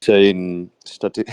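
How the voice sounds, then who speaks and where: A man's voice: fairly low pitch, dark tone. A man with a British accent chatting on a trading stream, talking things through in a reflective, rambling way. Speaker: fellow trader on stream. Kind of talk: casual stream chat.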